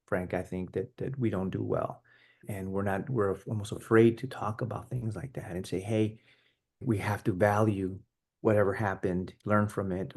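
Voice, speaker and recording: Low-voiced earnest man retelling a story. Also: a little mellow. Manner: earnest, storytelling, many restarts. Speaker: podcast co-host. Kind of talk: casual conversation.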